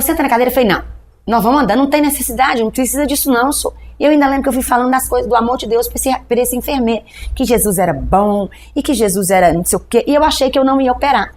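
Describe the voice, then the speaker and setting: A woman's voice: a little high, a little mellow. A middle-aged woman pastor from Brazil, telling her testimony in a podcast interview and acting out the dialogue of the people in her story.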